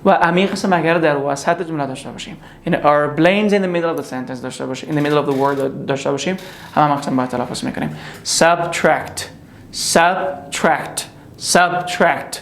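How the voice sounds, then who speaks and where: Teacher drilling words slowly. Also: medium pitch, slight background noise. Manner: repeats each word slowly two or three times. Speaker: English pronunciation teacher. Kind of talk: pronunciation drill lesson.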